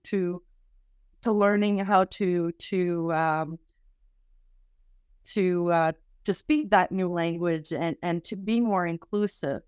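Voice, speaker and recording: Quebec woman, earnest halting speech. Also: fairly low pitch, clean tone, no room sound, clean studio sound. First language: French. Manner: earnest, halting with many restarts. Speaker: research center director. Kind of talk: podcast interview.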